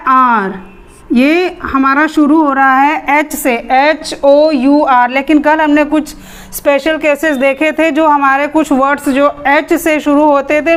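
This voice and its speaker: A woman's voice: high-pitched, fairly bright tone. A young Indian woman teaching a grammar lesson patiently, asking questions and then answering them herself. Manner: slow, patient, asks and answers her own questions.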